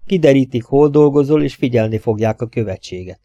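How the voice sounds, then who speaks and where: A wary, calculating male fugitive, read by a male narrator. He lays out the dangers in a level, reasoning voice, a touch louder than the narration. The sound is mellow and dry, close to the microphone. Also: medium pitch, expressive, dry recording, lo-fi sound, natural voice.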